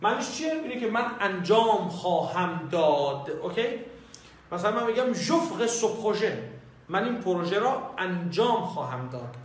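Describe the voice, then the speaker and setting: A man teaching a recorded language lesson, friendly with viewers and repeating each word slowly for pronunciation practice. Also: sits high, sing-song. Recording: very echoey, distant mic.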